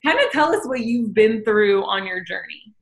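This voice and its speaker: A woman's voice: medium pitch, lively intonation, normal speed. A woman hosting a casual chat, asking questions in a chatty way full of fillers. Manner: chatty, filler-heavy, lots of "like". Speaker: host.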